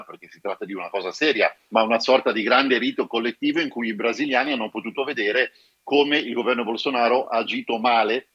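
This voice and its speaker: A foreign correspondent, a man, speaking over a phone line in a live radio interview and explaining events in a measured way. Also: medium pitch, bright, forceful tone, slightly rough, no echo. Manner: explanatory, measured, addresses listeners directly. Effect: heard over a phone line. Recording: dull, muffled phone line.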